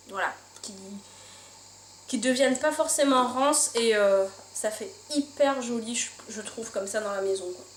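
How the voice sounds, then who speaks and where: A woman chatting casually in a haul vlog, gushing over her purchases, filled with fillers, recorded at home with windows open. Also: a little high. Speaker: vlogger showing her shopping haul. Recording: roomy home room, faint insect noise. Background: insects outside.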